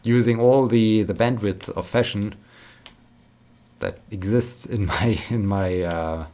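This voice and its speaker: A man's voice: lowish voice, slow, warm tone. A man chatting casually while playing a game, rambling and repeating words, tired but upbeat. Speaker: gaming vlogger.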